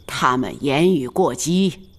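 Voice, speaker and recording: A low, slow grandmother matriarch. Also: expressive, heavily acted. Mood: instructing. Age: older. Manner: measured, instructive. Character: elderly grandmother matriarch, calm and commanding. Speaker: family matriarch.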